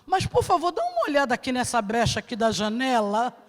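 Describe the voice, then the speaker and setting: A woman's voice: on the high side, sing-song, a little fast. A Brazilian woman voicing a worried, persistent church brother who pleads earnestly. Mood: pleading. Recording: church hall reverb.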